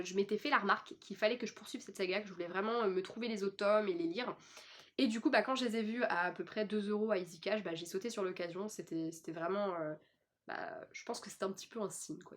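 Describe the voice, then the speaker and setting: A woman's voice: mid-range voice, quick pace. Young French woman, casual book vlogger, chatty, lots of hesitations. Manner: chatty, lots of fillers and restarts. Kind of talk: casual chat.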